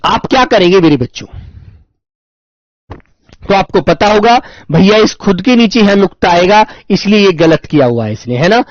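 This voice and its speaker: A fairly high-voiced male teacher leads an online lesson, stretching out each phrase as if dictating and repeating it several times over. His pitch rises and falls lively while he calls his students "my dear children". The recording is dry and slightly muffled. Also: no echo. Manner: slow, drawn-out dictation with many repetitions, addresses students as "my dear children". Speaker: Hindi teacher. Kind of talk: online exam-prep lesson.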